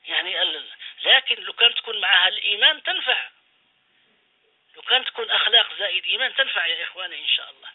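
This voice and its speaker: A man's voice: sits high, animated, very fast. A man, an imam, preaching a radio sermon, exhorting his listeners with repeated phrases and rhetorical questions. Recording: phone-line radio call-in.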